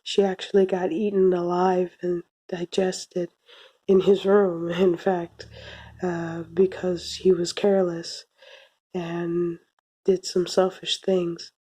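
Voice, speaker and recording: A young woman with a soft, slightly cracking voice as she recovers from illness, giving a casual, laid-back review to camera in a small room. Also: fairly low pitch, level tone, slow pace, breathy edge. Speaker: video reviewer. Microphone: phone or webcam at arm's length.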